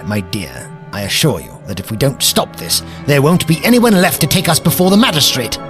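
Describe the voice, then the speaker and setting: An actor playing a proud, fussy, forgetful old time-travelling Doctor in an audio drama, halting and grandly formal. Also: male voice, medium pitch, very animated, a bit bright, faint music behind. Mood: urgent, persuasive.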